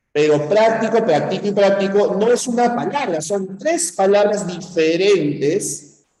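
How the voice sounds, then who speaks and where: A Peruvian man with a slightly high, somewhat mellow voice teaches a pre-university grammar lesson in Peruvian Spanish, speaking emphatically and checking in constantly with "¿ya?" and "¿no?". The room is echoey, with long reverb.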